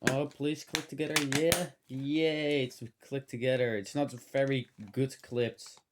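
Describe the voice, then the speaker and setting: Speaking a little slowly at medium pitch with little variation, a man hosts a hobby electronics teardown indoors in a cluttered home room, with background noise present. His throat is slightly dry and strained, and he rambles casually, thinking aloud amid muttered asides and mild exclamations.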